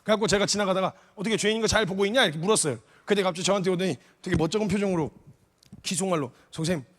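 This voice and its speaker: A man's voice: high voice, very fast. A man preaching a sermon as a missionary, telling a story with acted-out dialogue and asking the congregation questions. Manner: animated, acts out dialogue, questions the audience. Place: church hall. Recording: hall reverb from a church.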